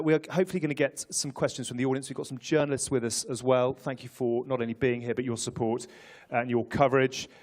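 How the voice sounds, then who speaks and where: A man hosting a live press conference, speaking informally and jokingly to the room with teasing, rallying banter. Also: medium pitch.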